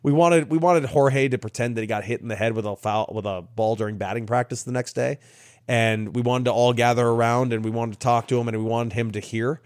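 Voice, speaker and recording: A man's voice: mid-range voice, a little fast, no room sound, studio quality. A young adult man, a baseball player and guest, casually telling a funny story and acting out what others said. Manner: lively, laughing storyteller who acts out quotes.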